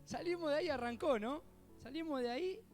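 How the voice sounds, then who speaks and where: A middle-aged man from Argentina with an Argentine accent, preaching a sermon in a conversational way. He asks "¿sí?" often, calls listeners "hermano", and swells loud when he quotes scripture. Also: very high-pitched, brisk, faint music behind. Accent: Argentine Spanish (Buenos Aires area). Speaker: co-pastor. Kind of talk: sermon with personal anecdotes.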